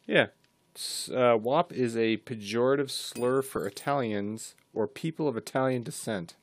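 A man's voice: mid-range voice, measured pace. A man streaming a co-op game, chatting casually and reading facts aloud in a dry, matter-of-fact way. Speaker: gaming streamer. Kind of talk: casual co-op gaming chat.

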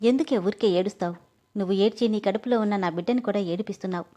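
A woman voicing a gruff but caring young husband in a read-aloud story. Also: mid-range voice, fast, dark tone, lightly acted. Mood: scolding.

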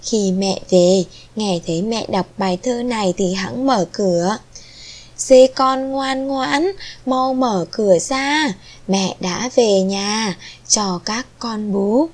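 A woman voicing a caring mother goat in a children's story, gently instructing her kids. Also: medium pitch, slow.

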